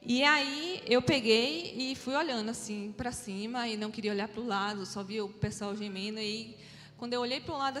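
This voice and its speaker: A woman giving a personal testimony in church, telling her story in an animated way and acting out the dialogue. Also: on the high side. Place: church hall. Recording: long hall reverb with faint music.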